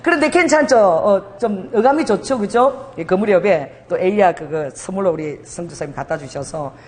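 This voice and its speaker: A woman's voice: medium pitch, normal speed. A middle-aged woman pastor preaching a sermon, telling stories animatedly and laughing often.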